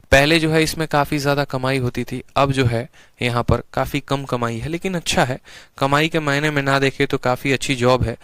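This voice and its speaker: A man's voice: medium pitch, fairly bright tone, clean tone, no echo. A man teaching an exam-prep maths lesson online, explaining step by step and putting questions to his students before answering them himself.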